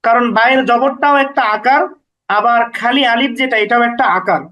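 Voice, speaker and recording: A man with a very high, bright and forceful voice teaches recitation rules. He goes through them patiently, one after another, repeating each point and stretching out the example sounds. His stays even throughout the lesson. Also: brisk, rough recording. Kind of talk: step-by-step lesson explanation.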